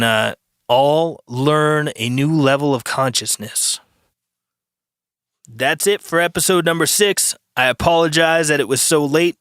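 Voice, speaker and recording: A man hosts a solo podcast in a rambling, opinionated monologue full of fillers. His voice sits at an ordinary middle pitch. The sound is close and dry, with no room around it. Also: pushed and bright, no echo. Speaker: podcast host.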